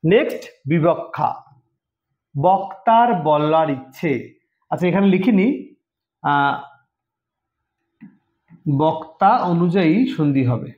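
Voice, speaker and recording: Male tutor, higher-pitched voice, patient step-by-step explainer, recorded in a reverberant room. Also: slow pace, long pauses, lo-fi sound. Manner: explains step by step, often checks understanding. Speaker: Sanskrit teacher for exam preparation. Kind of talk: online lesson. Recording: roomy echo.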